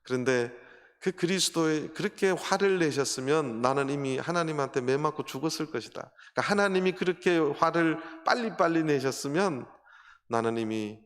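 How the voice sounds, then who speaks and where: A man preaches a sermon, telling stories and firing rhetorical questions at his congregation. His voice sits on the higher side for a man. The sound rings with the long reverb of a large church hall. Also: animated, moderate pace. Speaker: pastor. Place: church sanctuary.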